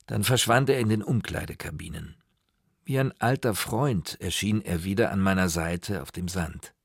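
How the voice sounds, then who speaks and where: A man reading a story aloud in calm, even first-person narration, close to the mic. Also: deep voice, normal speed, husky, no echo. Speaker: audiobook narrator.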